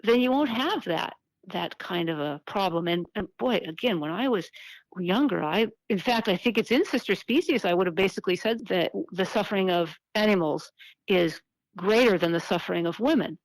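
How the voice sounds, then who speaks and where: A middle-aged woman speaking earnestly and haltingly as an interview guest over an old flip phone call, often repeating words as she reflects. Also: mid-range voice, expressive, no room sound. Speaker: interview guest, activist and author.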